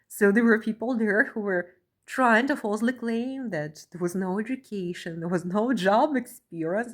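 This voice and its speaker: Earnest woman with a fairly high voice. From Russia. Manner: earnest, ends phrases with a questioning "yeah?"; repeats and restarts phrases. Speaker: vlogger, asylum seeker. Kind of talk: reading a document aloud with commentary.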